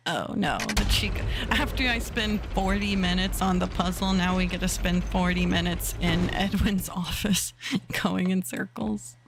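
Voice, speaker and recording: A woman's voice: on the low side, steady tone, unhurried, background noise. A woman hosting a live game stream, chatting casually and giggling as she talks to her viewers. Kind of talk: casual live gameplay commentary.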